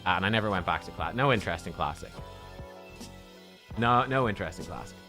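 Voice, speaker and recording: This game streamer, a man in his thirties, is an animated, fast talker with a low-pitched voice that sounds pushed and bright. Over soft background music, he rambles casually to viewers and cracks self-deprecating jokes.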